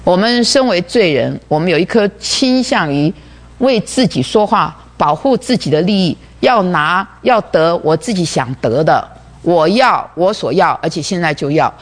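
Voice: medium pitch, expressive, normal speed. A preacher giving a sermon that explains a diagram, who often repeats words and keeps asking the listeners rhetorical questions.

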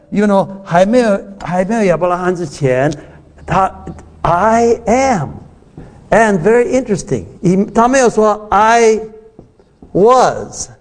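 Higher-voiced man preaching conversationally. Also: big pitch swings, measured pace, darkish tone. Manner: conversational, with many restarts and rhetorical questions; slips English phrases into the talk. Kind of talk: sermon.

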